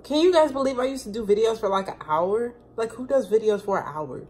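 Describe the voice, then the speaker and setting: A woman in her twenties talks to her phone, which is propped near her on the kitchen counter, in a rambling, filler-heavy vlog chat. Her voice is on the high side and a little mellow, with lively intonation and a fairly quick pace.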